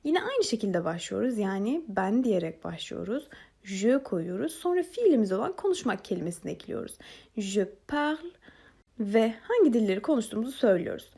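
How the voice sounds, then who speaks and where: Woman from Turkey, patient French teacher, gravelly and breathy, lively pitch, repeats phrases slowly. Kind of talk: language lesson narration.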